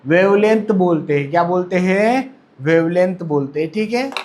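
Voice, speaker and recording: A man's voice: high-pitched, expressive, normal speed, a little mellow. A male chemistry teacher lecturing a classroom. He asks the students questions, answers them himself, and calls on them to speak up. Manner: repeats questions and answers them himself, mixing Hindi and English.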